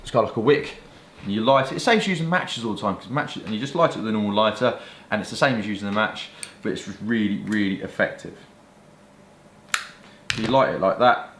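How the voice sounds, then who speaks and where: A British man with a lowish, fairly bright voice talks quickly and barely pauses, rambling casually to camera like a hobby vlogger. He's a pipe smoker showing off his pipes and tobacco, chatting colloquially with some mild swearing. The room has a roomy echo and faint background noise.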